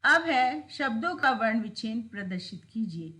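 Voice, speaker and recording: A woman teacher giving a lesson, explaining step by step and saying words slowly so students can repeat after her. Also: a little high, very animated, pushed and bright, very echoey. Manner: slow, clear, repeats words for students to follow.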